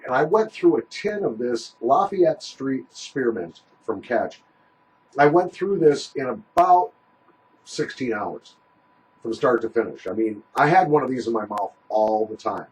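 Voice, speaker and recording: Animated man talking with a lip pouch in. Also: medium pitch, a little hiss or hum, poor audio. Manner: talks with a small pouch tucked in his lip. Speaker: product reviewer. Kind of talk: casual, rambling product review.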